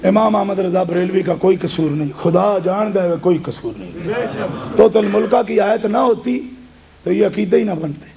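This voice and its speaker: A man preaching an impassioned sermon at a large gathering, shouting and repeating phrases for emphasis. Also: high voice, vocal fry, low-quality recording. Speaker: religious preacher and debater. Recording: loud crowd at a live gathering.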